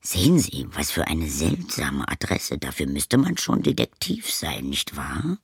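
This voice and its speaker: Man playing a grumpy caretaker, gruff, officious, low husky voice, dry close sound. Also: huge pitch swings, a little slow, no room sound, exaggerated voice. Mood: stern. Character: grumpy strict male building caretaker.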